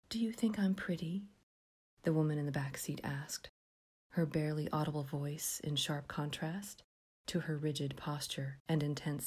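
Low, breathy woman whispering horror narration. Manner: hushed, often whispered delivery.

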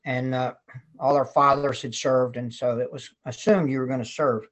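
A man over seventy from West Virginia, casually reminiscing as an interview guest in an unhurried storytelling way. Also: mid-range voice, fairly even intonation. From West Virginia, United States. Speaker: guest, retired Marine colonel.

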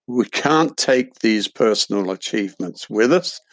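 An older man with an English accent speaks as a podcast guest in a reflective, deliberate way, repeating phrases for weight. His voice is fairly low and the sound is very dry. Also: animated, dry recording. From London, England. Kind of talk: reflective explanatory interview talk.

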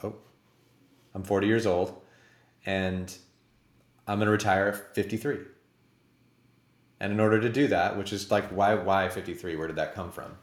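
A man's voice: low-pitched, fairly even intonation, moderate pace, long pauses, reverberant. A man in his forties hosting an interview show, chatting in a rambling, self-deprecating way. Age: 40s. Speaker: podcast host. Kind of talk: casual interview chat.

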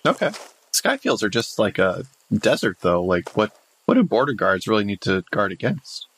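A man's voice: fairly low pitch, very animated, moderate pace, fairly bright tone, husky. A man playing a tabletop role-playing game, casually chatting and asking questions in and out of character.

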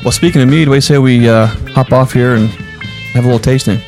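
A man co-hosting a casual podcast, talking in a halting way with many fillers and restarts. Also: medium pitch, over music. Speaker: podcast co-host. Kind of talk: casual chat.

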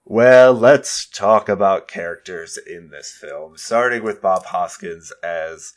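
A man co-hosting a casual podcast, leading the discussion with measured opinions. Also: low-pitched. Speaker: podcast co-host. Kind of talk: casual chat.

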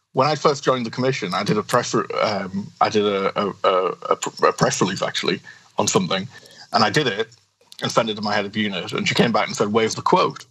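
A man's voice: on the low side, a bit bright, slightly rough, poor audio. A man co-hosting a casual podcast chat, telling stories with many restarts and asides. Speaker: co-host.

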